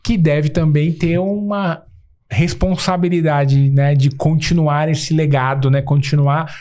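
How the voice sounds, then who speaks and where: A man's voice: a little high, fairly even intonation, measured pace, mellow. A man hosting a podcast, asking questions and nodding along with short interjections. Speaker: podcast host. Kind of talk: podcast conversation.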